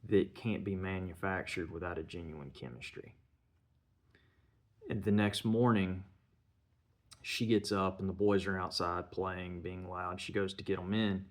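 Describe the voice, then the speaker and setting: A man giving a casual spoken film review, retelling the scenes step by step and slipping in bits of dialogue. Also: sits low.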